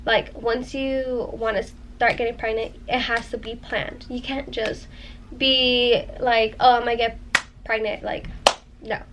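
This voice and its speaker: A woman's voice: on the high side, low-quality recording. A young woman in her twenties talks casually to her channel, her voice sitting a little above the usual. She is pregnant and rambles, filling her sentences with "um" and "like". A faint hiss runs under her voice. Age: 20s. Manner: rambling, many "um" and "like". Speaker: vlogger. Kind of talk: casual chat to camera.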